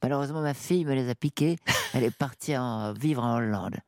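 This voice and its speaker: A woman in her sixties from northern France, a radio interview guest talking in a lively, halting way with many restarts. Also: very deep voice, dry recording, studio quality. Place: radio studio.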